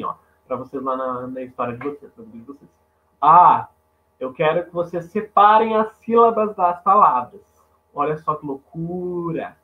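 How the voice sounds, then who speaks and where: A man teaching an online Portuguese class, animated and asking the class rhetorical questions. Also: fairly high pitch. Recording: tinny phone-like audio.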